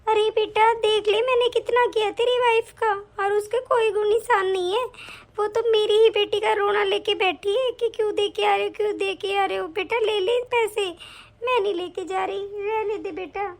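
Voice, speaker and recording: A woman voicing a bitter, self-pitying older mother-in-law in an animated story, complaining and reproachful. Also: extremely high pitch, normal speed, gravelly.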